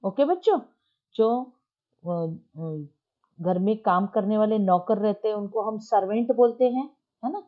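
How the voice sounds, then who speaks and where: Woman English teacher, slow and patient, explains in Hindi, spells words out, dull lo-fi recording. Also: medium pitch.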